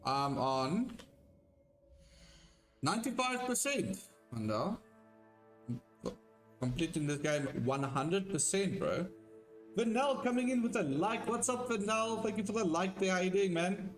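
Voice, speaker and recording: A man's voice: high voice, lively intonation, a little slow, pauses often, faint music behind. A man chatting casually while live-streaming a game and thanking viewers. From South Africa.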